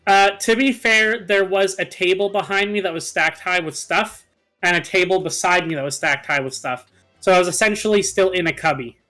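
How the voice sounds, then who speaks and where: Over soft background music, a high-pitched man talks at normal speed in a sharp tone. As co-host of a game video, he banters casually with his friends and describes things with vivid exaggeration.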